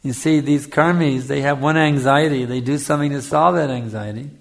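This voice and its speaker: This Hare Krishna style scripture lecture comes from a male spiritual teacher whose gravelly, medium-pitched voice holds a steady tone and moves a little fast. He lectures didactically, repeating phrases for emphasis and pausing to check in with listeners.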